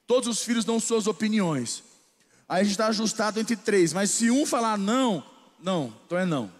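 A man with a Brazilian Portuguese accent preaching a sermon, telling a lively story and then leading a slow prayer. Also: high-pitched, big-room sound. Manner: animated storytelling, turning slow and solemn in prayer. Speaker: pastor.

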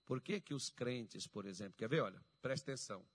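A man from Minas Gerais preaching a sermon, acting out quotes with loud shouts and poking fun at himself. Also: medium pitch, animated, brisk, husky. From Minas Gerais, Brazil. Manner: self-mocking, laughs at himself.

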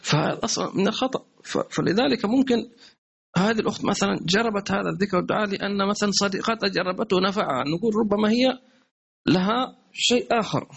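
A male religious teacher, giving a sermon-style lesson in a conversational, animated way and repeating words for emphasis. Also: high-pitched, fast talker, gravelly, husky. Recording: dull lo-fi stream audio.

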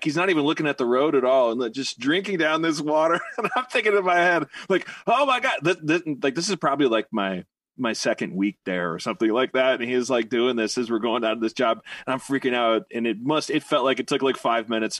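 A man in a casual chat, telling a story in a relaxed, halting way with many fillers. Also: medium pitch, no echo, far from the mic. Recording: dry voice a bit off mic.

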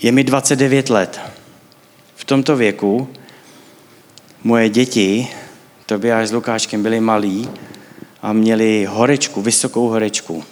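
A man's voice: fairly low pitch, steady tone, long pauses. A man preaching in a church, telling his own story earnestly and acting out his prayers. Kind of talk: personal testimony sermon. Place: church hall. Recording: echoey church hall.

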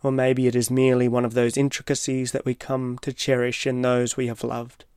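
A man reading his own reflective, literary personal essay as scripted narration, in a measured way. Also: mid-range voice, completely flat delivery, smooth, no echo, clean studio sound. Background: soft guitar music.

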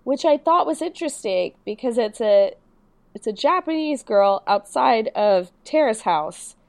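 A woman's voice: fairly high pitch, expressive, measured pace, a little mellow. A woman co-hosting a podcast, chiming in with reactions while recapping a show. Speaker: podcast co-host. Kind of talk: casual chat recapping a reality show.

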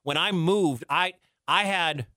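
Laughing often, a man hosting a sports radio show spins relaxed, chatty stories in a studio; he is from Detroit and grew up in Wisconsin. His voice is a little high, slow, pushed and bright, recorded at studio quality with no room sound.

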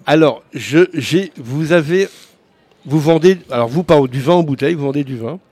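A man hosting a radio show in a studio, chatting with guests in a relaxed, halting way with frequent restarts. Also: a little high, slightly rough, no echo. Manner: hesitant, many restarts, chatty. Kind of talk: casual studio chat.

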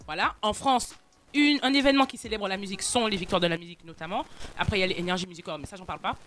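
A woman's voice: medium pitch, racing, a bit bright, slight background noise. A woman hosting a casual chat show, thinking aloud as she talks. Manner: chatty, thinks aloud with restarts. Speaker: host.

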